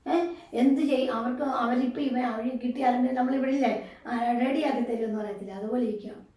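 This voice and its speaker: A woman's voice: high voice, steady tone, quick pace, dark tone, far from the mic. Woman teacher in an echoey room. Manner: asks the pupils questions and answers them herself. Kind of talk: explaining a story lesson to a class.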